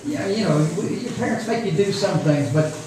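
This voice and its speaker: A high-pitched, slightly mellow and expressive man speaks at a moderate pace, delivering a folksy, repetitive informal sermon to young people as a youth camp preacher. The audio has echo from the room, a distant mic and a faint layer of noise.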